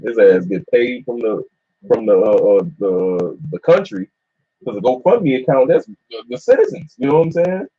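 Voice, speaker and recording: A man's voice: medium pitch, very animated, normal speed, slightly rough. A man in a casual religious discussion, reading out case details and chatting in casual slang. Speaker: discussion participant. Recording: dull lo-fi recording.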